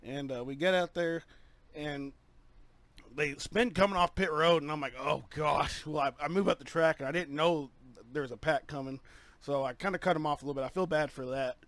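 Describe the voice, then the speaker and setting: A man giving a halting, earnest post-race victory interview as a sim racing driver, full of fillers, talking over a voice-chat headset. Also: on the high side, fairly bright tone, no room sound.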